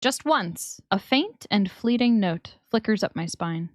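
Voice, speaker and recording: A young woman streamer reading a story game aloud with slow, expressive narration. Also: mid-range voice, no echo, clean studio sound.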